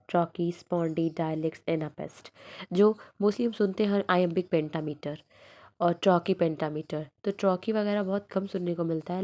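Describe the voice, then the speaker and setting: A woman teaching a lesson on poetry, reading English definitions slowly and then explaining them at length in Hindi, often checking in with "theek hai". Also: lowish voice, darkish tone.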